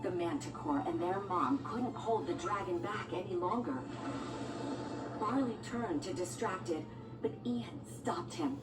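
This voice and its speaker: A read-along storyteller in a mid-range voice narrates a scripted children's book at a measured pace, recorded distant and echoey over a bed of music and sound effects.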